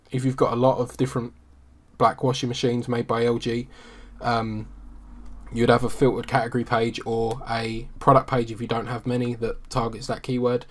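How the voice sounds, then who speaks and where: Man in a mid register, easygoing screen-share walkthrough with plenty of ums. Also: mid-range voice. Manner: relaxed, conversational, frequent ums. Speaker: SEO marketing instructor.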